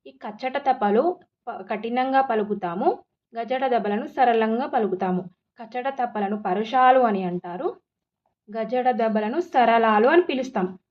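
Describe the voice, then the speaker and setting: A woman's voice: fairly high pitch, a little slow, muffled recording. A woman teacher giving an exam-prep lesson, asking questions and answering them herself, repeating key terms. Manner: repetitive drilling, asks and answers own questions.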